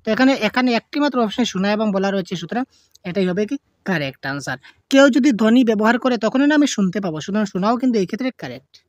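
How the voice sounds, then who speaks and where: A woman's voice: medium pitch, expressive, darkish tone, dry recording, muffled recording. A woman teaching an online exam-prep lesson, reading multiple-choice questions aloud, drawing out the options and answering them herself. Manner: asks questions and answers them herself, mixes in English terms; drawls options slowly, then gives answers quickly.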